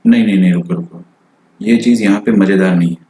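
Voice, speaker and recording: Man, lowish voice, Indian accent, online maths lecture, thinks aloud, frequent check-in questions to students. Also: fast talker, dark tone, poor audio. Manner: thinks aloud while solving, mixes in English phrases. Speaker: maths teacher.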